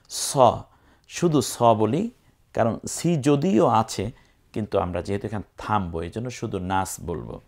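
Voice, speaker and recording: Using a mid-range voice, a man patiently spells out sounds while teaching Quran recitation one step at a time. Every so often he chants complete words, drawing them out.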